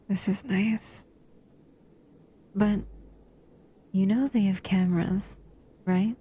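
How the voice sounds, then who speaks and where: In an intimate, close-up audio roleplay, a woman voices a captive female shadow monster who soothes and cuddles the listener. Her medium-pitched voice is mellow and slightly rough, steady in tone with drawn-out words, tender and often whispered.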